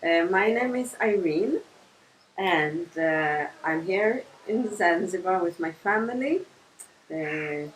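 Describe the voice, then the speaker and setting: A woman's voice: fairly low pitch, animated, slow. A woman in her forties, from Tanzania and raised in Sweden, answering interview questions in a hesitant, reflective way with many fillers. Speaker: interview guest. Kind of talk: casual interview. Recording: distant mic with noisy background.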